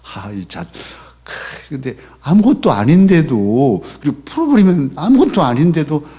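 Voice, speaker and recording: Male pastor, husky, conversational sermon delivery, church setting. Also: sing-song, moderate pace. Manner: conversational preaching, often drops to a soft low voice for quoted lines. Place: church sanctuary.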